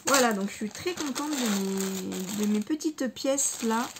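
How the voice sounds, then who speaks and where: A woman's voice: a little high, lively intonation, a little slow, noisy background. A woman chatting casually in a haul video, hesitant with many fillers and repeated words, enthusiastic about her crafting materials. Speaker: scrapbooking vlogger.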